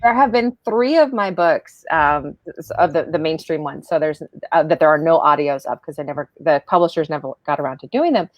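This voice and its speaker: Lower-voiced woman, dry close sound. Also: lively intonation, brisk, hardly any pauses, no echo, lo-fi sound. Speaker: author, interview guest. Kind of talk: casual chat.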